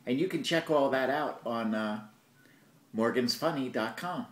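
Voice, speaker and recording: A man's voice: mid-range voice, unhurried. A man vlogging casually, rambling with joking asides and talking while he eats. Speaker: vlogger and storytelling show host. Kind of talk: casual vlog. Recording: echoey room.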